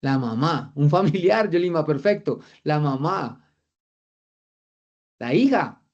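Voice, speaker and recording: Course instructor, dark mellow tone, lively and interactive, muffled video-call audio. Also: mid-range voice, slow. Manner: engaging, reads chat replies aloud, rhetorical questions. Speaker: trainer of a virtual course. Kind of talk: interactive online lecture.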